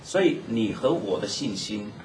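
A man preaching a Bible teaching sermon, explaining in a lively way and mixing in English terms. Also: on the low side, moderate pace. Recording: echoey, distant mic, noisy room.

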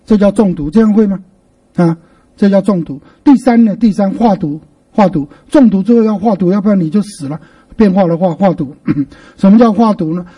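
A man preaching as pastor, asking the congregation questions and repeating key words slowly for emphasis. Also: sits high, mellow, husky, recorded from a distance. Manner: asks the congregation questions and answers himself. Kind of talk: sermon.

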